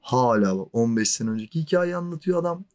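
A man's voice: medium pitch, expressive, a little fast, a little mellow. Guy in his 40s telling a story from back home, super casual, chuckles a lot, medium voice. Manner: conversational, chuckles often, loose filler words. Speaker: podcast storyteller.

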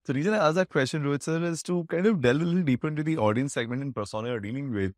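Man, Indian English accent, podcast interviewer, quick pace, dry sound, analytical conversational questions. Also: fairly high pitch, darkish tone, no echo.

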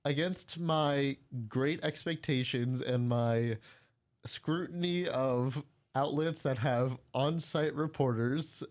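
A man's voice: medium pitch, slow pace. Casual podcast co-host, male, jokey, laughs through his lines, rambling delivery. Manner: joking, laughs mid-sentence, rambling. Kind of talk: casual sports chat. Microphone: studio mic.

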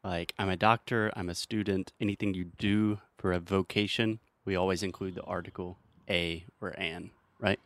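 A man with a fairly low voice hosts a language podcast, joking with his guest while he teaches. He explains grammar patiently, with simple examples. The sound is close and dry, with no room around it. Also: fairly even intonation, moderate pace, few pauses, no room sound. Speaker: podcast host and English teacher. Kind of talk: casual teaching chat.

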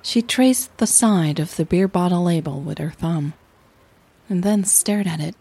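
Her voice is fairly low, creaky, mellow and husky as this podcast host narrates a scripted audio drama. She keeps an intimate, measured pace and pauses deliberately.

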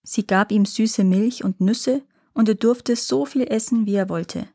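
A woman storyteller reading a fairy tale aloud in a calm, even manner, with a slightly husky voice. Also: medium pitch, unhurried, no echo, studio quality. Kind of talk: scripted fairy-tale narration.

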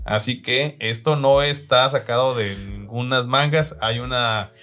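A man's voice: mid-range voice, measured pace, a bit bright, faint music behind. A man with a Mexican accent hosting a casual chat, reading viewer comments aloud in a laid-back way, swearing often and laughing between comments. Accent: Mexican Spanish. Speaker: host.

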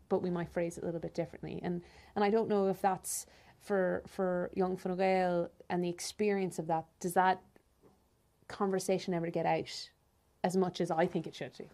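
A woman's voice: on the low side, dark tone. A woman with an Irish accent hosting a podcast and interviewing guests in a conversational style. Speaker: podcast host.

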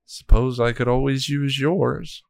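A man performs the part of a female robot duplicate of a heroine, raising his voice above its natural medium pitch. His delivery is very animated at a normal speed, yet the character comes across as cool and reasonable. The recording is clean studio sound with no room ambience.

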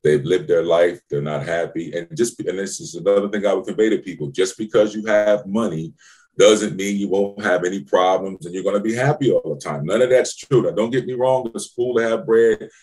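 A man's voice: low voice, a little fast, a little mellow, slightly rough, rough recording. A man co-hosting a podcast, giving life advice in short, emphatic, slangy phrases. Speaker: podcast co-host. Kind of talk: casual advice talk.

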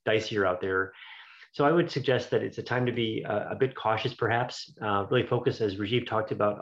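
A man with a low voice offers unscripted expert commentary. He is measured and often stops to rephrase, and the recording is a little dull and lo-fi. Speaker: investment strategist on a panel. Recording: slightly dull, lo-fi audio.

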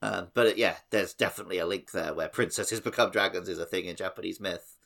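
A man co-hosting a podcast rambles casually through explanations of mythology and games. His low voice is gravelly and a bit bright, and he talks fast.

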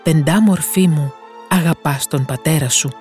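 A woman's voice: low voice, darkish tone, soft background music, close to an everyday voice. Woman playing a worried old merchant father. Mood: weary.

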